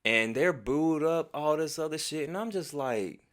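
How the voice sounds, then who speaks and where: This American man has a fairly high pitch and moderate pace as he vlogs a personal story. Casual and animated, he curses a lot, leans on slang, and acts out bits of what people said.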